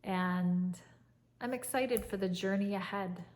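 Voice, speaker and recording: In a fireside chat from her living room, a fifty-something English teacher and channel host talks gently and fondly to the camera in a mid-range voice. She's soft-spoken, warm and unhurried, pausing reflectively. She's seated, filmed from chest height.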